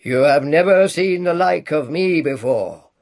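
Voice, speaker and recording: A man voicing a jolly giant male spirit, kind and hearty, speaking slowly and emphatically in a storybook reading. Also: fairly high pitch, animated, a little mellow.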